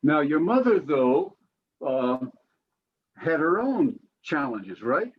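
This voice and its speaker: A man moderating a conversation and asking gentle, probing questions. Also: on the high side, very animated, slow, husky, highs cut off. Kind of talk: interview questions.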